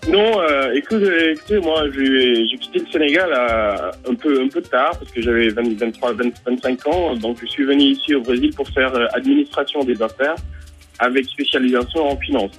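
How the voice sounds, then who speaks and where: A man from Senegal with a slight Brazilian accent, calling into a radio show over a lagging long-distance phone line and speaking hesitantly with many pauses and fillers. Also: mid-range voice, fairly bright tone, faint music behind. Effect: delayed long-distance phone line. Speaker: caller.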